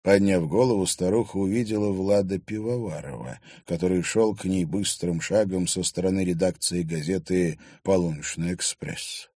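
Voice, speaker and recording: A man narrating an audiobook in an expressive, measured way. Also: deep voice, no room sound, clean studio sound. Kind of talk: scripted narration.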